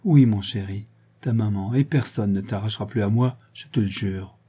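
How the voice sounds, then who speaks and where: Male reader playing a protective young mother in an audiobook, commanding and forceful, warm husky tone. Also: lowish voice, normal speed. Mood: tender.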